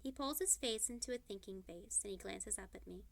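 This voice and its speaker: A woman reading a young adult novel aloud in the first person, with an expressive, playful delivery. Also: mid-range voice, a little fast, creaky. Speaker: audiobook reader.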